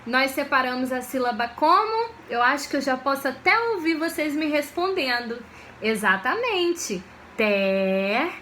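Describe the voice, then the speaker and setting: A woman teacher, giving a video lesson for children in a slow, patient way and often checking that they follow. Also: high-pitched, big pitch swings, pushed and bright, a little hiss or hum. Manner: slow, patient, checks understanding with frequent questions.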